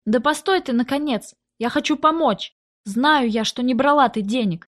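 A woman voicing a hurried female shop coworker who speaks urgently and breathlessly. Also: high-pitched.

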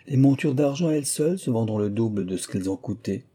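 A man voicing a naive young man who earnestly defends a bad bargain, in a raised, husky voice. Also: mid-range voice, animated, fast talker, warm tone.

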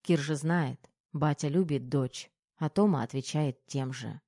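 A woman narrating a novel in an even, unhurried storytelling manner. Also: sits low, no room sound, clean studio sound. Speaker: audiobook narrator. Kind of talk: scripted narration.

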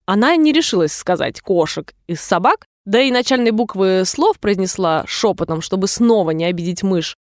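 A woman reading a storybook aloud in a calm, even narration. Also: medium pitch, moderate pace, hardly any pauses, no room sound, studio quality. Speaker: audiobook reader.

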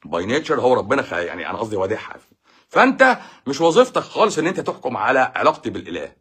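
Speaking very fast in a sing-song, mid-range voice that is husky and a bit bright, a doctor with an Egyptian Arabic accent preaches emphatically about faith. His casual talk on faith and life leans heavily on rhetorical questions.

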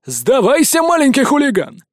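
A man voicing gruff little animal sky guards who bark threatening calls. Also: extremely high pitch, wildly swooping pitch, moderate pace, dry recording, clean studio sound, voice pushed up, exaggerated voice.

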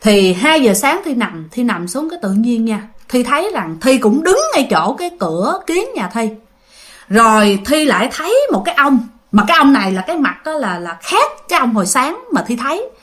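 A Southern Vietnamese woman tells a ghost story as if chatting with friends, often turning to her listeners. Her voice sits high and leaps up and down with lively energy. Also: moderate pace. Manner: animated, talks straight to listeners. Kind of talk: casual spoken storytelling.

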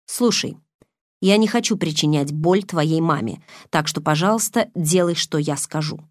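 A woman reading the lines of a smooth, menacing man on the phone, calm and mocking. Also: sits low, moderate pace, dry recording, clean studio sound, natural voice.

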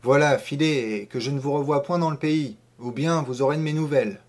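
A man's voice: mid-range voice, brisk, close to an everyday voice. A man reading an audiobook, voicing a stern country gendarme who speaks in a formal, official way. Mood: officious.

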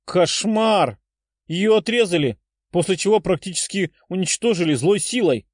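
Devoted young healer girl in an audiobook, tearful and urgent, raised pitch, put on by a male narrator, dry recording. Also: moderate pace, darkish tone, husky, dry recording. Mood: worried.

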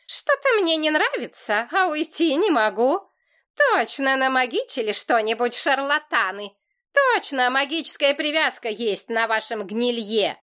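A woman reading voices a brash young woman, shouting in shrill indignation for a storybook scene. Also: expressive, unhurried, heavily acted. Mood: suspicious. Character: brash young woman staging a loud market scandal.

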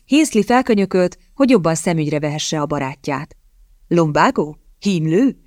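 A steady audiobook narrator telling a period romance in measured, even phrasing. The voice sits at a middle pitch. The recording is dry and close, with no room sound. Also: no room sound.

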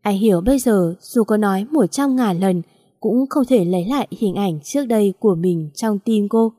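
A woman narrating a romance story in an even, measured reading voice. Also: medium pitch, dry recording, studio quality.

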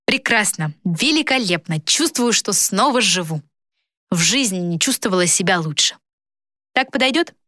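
A woman voicing a spirited young princess with a wry, lively way of talking. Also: mid-range voice, a little fast, dry recording, studio quality, lightly acted. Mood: sarcastic.

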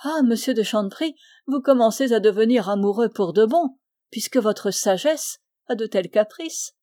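Une femme lit les répliques d'une jeune femme taquine mais hésitante, d'une voix douce, dans un livre audio. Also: female voice, on the high side, lively intonation, moderate pace, mellow, no echo, studio quality, lightly acted. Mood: playful. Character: young woman, teasing yet hesitant. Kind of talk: audiobook dialogue reading.

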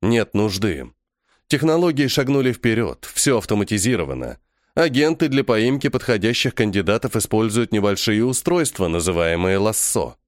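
A man's voice: fairly low pitch, very animated, normal speed, no echo, studio quality. A man reading an audiobook, voicing a male alien official who is curt, impatient and evasive.

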